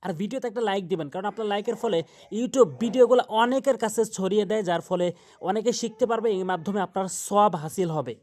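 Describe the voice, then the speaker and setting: A man with a Bangladeshi Bengali accent teaching Quran recitation, explaining pronunciation step by step and repeating sounds slowly. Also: high-pitched, a little mellow.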